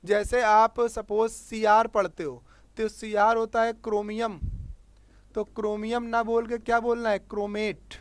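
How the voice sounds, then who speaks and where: A man's voice: high voice, level tone, measured pace, clear, resonant tone, dry recording. A male chemistry teacher with a Hindi accent teaches a class, asking questions and answering them himself. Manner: repeats key words as questions to the class. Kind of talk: board lesson for students.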